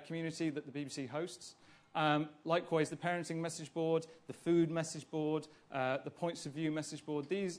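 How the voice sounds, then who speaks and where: Man giving a chatty conference talk. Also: fairly high pitch. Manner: fluent but full of ums and restarts, asks rhetorical questions. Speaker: conference speaker on broadcaster social media.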